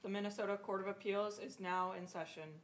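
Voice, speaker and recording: Flat-voiced woman court marshal announcing. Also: mid-range voice, fairly quick, very noisy. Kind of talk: formal announcements.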